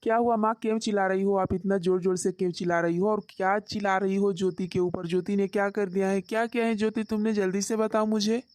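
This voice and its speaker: A woman's voice: medium pitch, level tone, fast talker, hardly any pauses, a little mellow, dry recording, studio quality, natural voice. Woman voicing an impatient cartoon husband. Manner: demanding, impatient questions. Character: young husband and son, impatient. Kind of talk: Hindi cartoon story voice acting.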